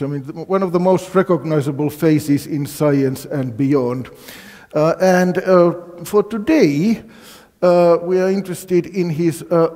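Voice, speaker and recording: Older male lecturer from Finland, mellow voice, quizzing the audience with many fillers, reverberant lecture hall. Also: fairly high pitch. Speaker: physics lecturer. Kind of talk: university colloquium lecture.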